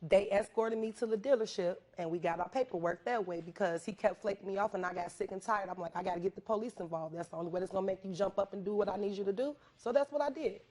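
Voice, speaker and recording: A woman's voice: mid-range voice, fast, few pauses, darkish tone. A woman giving aggrieved testimony as a wife in a TV court, complaining emphatically and indignantly. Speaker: wife as litigant on a court show. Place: TV courtroom studio.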